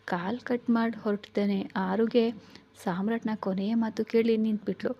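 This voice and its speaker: Breathy woman reading a story. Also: a little high, fairly even intonation, moderate pace, highs cut off.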